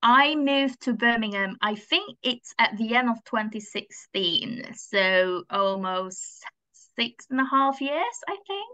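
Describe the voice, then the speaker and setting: A woman's voice: fairly high pitch, takes it slowly, rough recording. A woman in her thirties from Indonesia, chatting animatedly as an interview guest over a video call from home. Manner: animated, gestures with her hands while explaining. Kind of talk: casual interview chat. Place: home room with bookshelves. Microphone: video call webcam.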